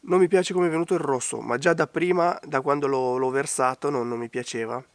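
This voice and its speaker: Uomo con voce che cede per il raffreddore. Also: male voice, mid-range voice, a little fast, no echo. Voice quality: voice giving out, hoarse from a cold. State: congested, strained voice from a bad cold. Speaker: craft tutorial host. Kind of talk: casual hands-on DIY commentary. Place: outdoors in a garden.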